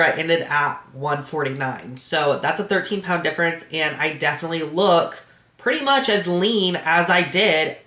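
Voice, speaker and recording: This woman's voice is deep, pushed, and bright, though her nose is clearly congested. A bikini competitor and coach, she chats loosely to her camera in a vlog recap, using lots of filler words, in a room with noticeable echo.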